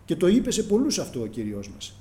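A man's voice: sits high, wildly swooping pitch, mellow, a little hiss or hum. A middle-aged man preaching a sermon, calling the congregation brothers and acting out prayers and dialogue with passion.

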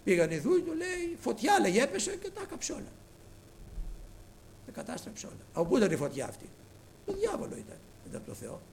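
Male preacher, high gravelly voice, dramatic impassioned storytelling sermon. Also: wildly swooping pitch, long pauses, noisy background. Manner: impassioned, dramatic storytelling with swings from loud to hushed.

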